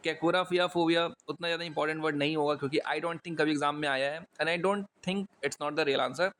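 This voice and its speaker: Indian guy teaching words casually, joking around, trips on long words, bit high pitched. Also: a bit bright. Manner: chatty, jokey asides, stumbles over long words. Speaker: exam English teacher. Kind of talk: casual vocabulary lesson.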